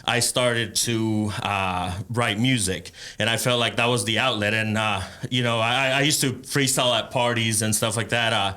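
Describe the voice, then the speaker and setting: A man from El Salvador, a rapper and entrepreneur, telling his life story as a podcast guest in a relaxed way, with frequent fillers and laughs. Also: on the low side, normal speed, hardly any pauses. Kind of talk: casual interview chat.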